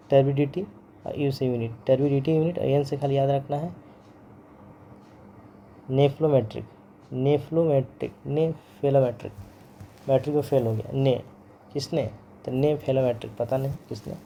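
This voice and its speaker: A man's voice: mid-range voice, gravelly, dark tone, a little hiss or hum. A man teaching physics in a lecture, repeating each term and its pronunciation over and over, mixing English terms into his Hindi. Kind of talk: classroom lecture.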